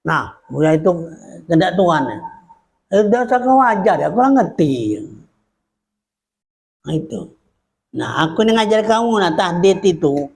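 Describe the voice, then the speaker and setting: A man with a Palembang Malay accent gives a sermon as a religious teacher, unhurried, with frequent pauses and fillers. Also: sits high, very animated, vocal fry, darkish tone. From Indonesia.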